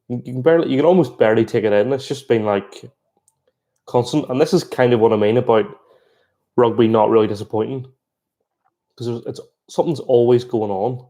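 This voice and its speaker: A man giving chatty, excitable live reaction commentary on a rugby match, breaking into exclamations. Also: mid-range voice, fairly quick. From Ireland. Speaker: sports reaction streamer.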